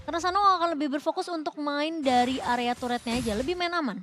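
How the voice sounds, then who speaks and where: A woman's voice: high voice, quick pace, a bit bright, a little hiss or hum. A woman giving conversational esports match commentary as a co-caster.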